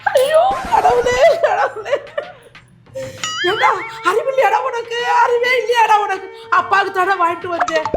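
A woman playing a shrill, scolding exasperated mother. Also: a little fast, hardly any pauses. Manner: shouting, wailing, scolding. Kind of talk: comedy sketch. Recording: background music. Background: music.

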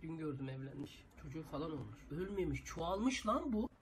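Fast-talking man, noisy clip. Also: a little high, sing-song. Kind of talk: casual comic anecdote. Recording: noisy amateur phone clip.

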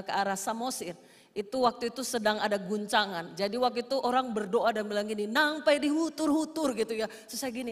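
High-voiced woman pastor preaching in a hall. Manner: animated storytelling that swings from hushed to shouted. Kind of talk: sermon with storytelling. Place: large church auditorium. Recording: long reverb of a church hall.

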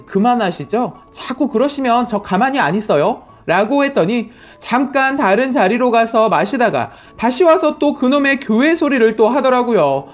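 A woman with a high voice gives a dramatic reading of a listener-sent story. Her telling is indignant and expressive. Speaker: story reader.

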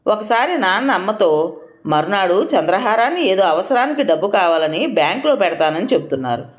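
A woman narrates a family story in an expressive, warm-paced reading. Her pitch moves freely and lively through each sentence, sitting in the middle of her range. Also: fairly quick.

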